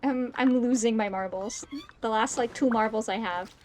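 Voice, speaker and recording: Here a streamer with a voice on the high side speaks at normal speed, a little hiss or hum present. She chats and playfully grumbles through her gameplay, frequently muttering to herself, with video game music in the background.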